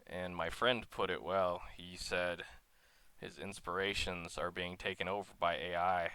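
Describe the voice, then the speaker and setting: Low-voiced young man ranting, halting. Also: fairly even intonation, clean tone, dry recording. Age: young adult. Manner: halting, stuttering, downbeat and quiet. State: bummed out. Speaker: vlogger. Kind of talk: casual rant to camera.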